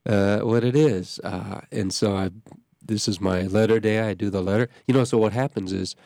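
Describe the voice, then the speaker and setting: A man's voice: on the low side, fairly even intonation, moderate pace, vocal fry, darkish tone, no echo, clean studio sound. A congested man, a pastor hosting a radio show, talking in a rambling way that keeps breaking off and restarting. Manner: rambling, self-interrupting. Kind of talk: casual radio chat. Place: radio studio.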